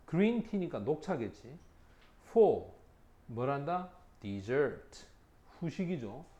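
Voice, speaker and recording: A middle-aged man teaching English vocabulary in a lecture, reading English example sentences slowly and checking in informally with his students. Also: fairly high pitch, darkish tone.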